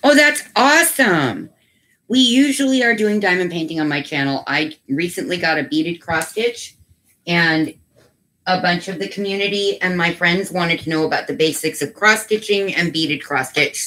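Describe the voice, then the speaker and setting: A woman's voice: on the low side, moderate pace, fairly bright tone. A woman hosting a craft channel from home, chatting casually with viewers and cooing to her dogs. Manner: chatty and doting, coos baby talk to her dogs. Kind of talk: casual livestream chat.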